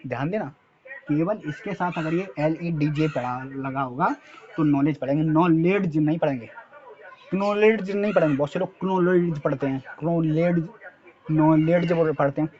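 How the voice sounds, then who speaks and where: In this spoken-English lesson at a board, a man with a Hindi accent spells out words letter by letter and asks and answers his own quiz questions. The recording has its highs cut off, and his fairly high voice sounds slightly mellow.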